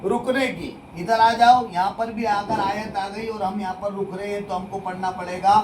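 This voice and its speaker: A male religious teacher leading a call-and-response lesson, speaking slowly and repeating phrases for students to echo back. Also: sits high, steady tone, a little mellow, a little hiss or hum. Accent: Hindi-Urdu speaker from central India.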